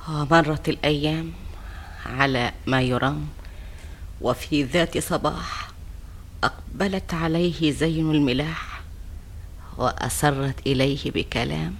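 A woman playing a storyteller of the Arabian Nights, narrating in measured, suspenseful rhymed phrases. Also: low-pitched, a little hiss or hum. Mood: hushed suspense.

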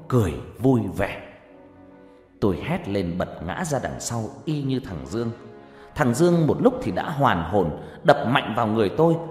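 A man narrating a horror story, shifting between hushed and shouting. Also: medium pitch. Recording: echoey room with faint music.

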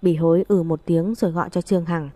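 A woman narrating a novel as an audiobook, with steady, even storytelling. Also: lowish voice, quick pace, dry recording.

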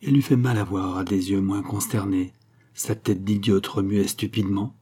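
A man narrating a historical novel in an audiobook reading, in a measured, dramatic way. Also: fairly low pitch, steady tone, warm tone, husky.

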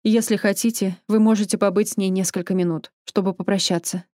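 A woman reading the lines of a calm, formal male paramedic who speaks quietly. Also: medium pitch, brisk, no room sound, clean studio sound, close to an everyday voice. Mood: somber.

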